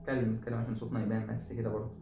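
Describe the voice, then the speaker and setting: Fast, jumpy Egyptian man gaming. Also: lowish voice, monotone, vocal fry, roomy sound, loud music behind the voice. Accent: Egyptian Arabic. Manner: jumpy, jokey, shouts when startled. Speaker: gamer playing a horror game. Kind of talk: casual let's-play chat.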